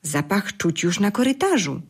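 A woman voicing a gentle, puzzled young male elf in a storybook reading. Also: medium pitch, sing-song, normal speed, husky. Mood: wondering.

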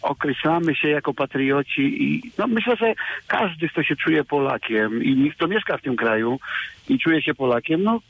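A man calling in to a radio phone-in show, heard over a phone line, speaking earnestly and measured with some filler sounds. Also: fairly high pitch, animated, breathy edge, dry recording. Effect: caller heard over a phone line on radio. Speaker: radio call-in caller. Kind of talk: phone-in opinion.

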